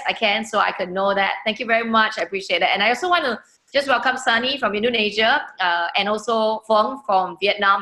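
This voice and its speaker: Speaking from an echoey room in holiday lodging, a webinar host from Singapore uses a mid-range, sharp voice with a roomy sound. She runs the online webinar over a video call in an encouraging manner, with frequent "you know" fillers.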